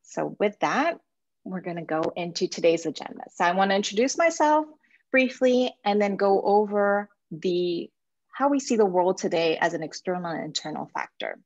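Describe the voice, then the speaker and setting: A woman's voice: medium pitch, lively intonation, normal speed, darkish tone, no echo, highs cut off. A woman in her forties from Japan, a life coach giving an earnest talk to alumni with a few fillers. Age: 40s. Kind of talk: presentation to alumni.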